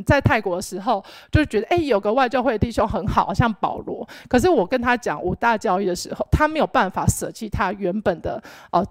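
Animated woman giving testimony. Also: on the high side, no echo. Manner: rambling and animated, with many filler "then"s. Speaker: church member giving testimony. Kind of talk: personal faith testimony.

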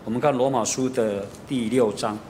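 A man's voice: mid-range voice, fairly even intonation, normal speed, a little mellow, a little hiss or hum. A middle-aged man with a Taiwanese Mandarin accent preaching a sermon. He tells stories with many fillers and slips into Taiwanese.

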